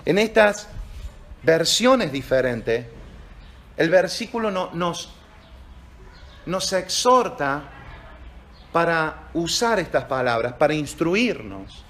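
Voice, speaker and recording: A high-pitched male pastor delivers a sermon to his church. He slows down and leans hard on key phrases, building each point with emphatic stresses. A faint hiss of room noise sits under his voice. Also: animated, fairly bright tone.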